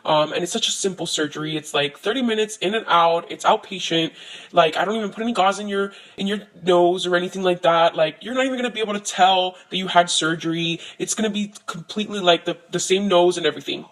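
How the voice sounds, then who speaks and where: A man's voice: high-pitched, fast talker, a bit bright, rough recording. A man playing a breezy, overconfident surgeon in an amateur skit, casual and dismissive as he reassures. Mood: breezy, reassuring. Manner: casual, dismissive, filler-heavy. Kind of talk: amateur comic skit dialogue.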